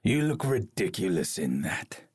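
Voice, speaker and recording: An actor playing a proud, paranoid warrior king in a game cutscene, with a gravelly, husky voice and an imperious, scornful manner. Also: deep voice, sing-song, a little mellow, no echo, studio quality, exaggerated voice. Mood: scornful, suspicious. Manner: imperious, scornful, slow and deliberate. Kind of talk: dramatic video game cutscene acting.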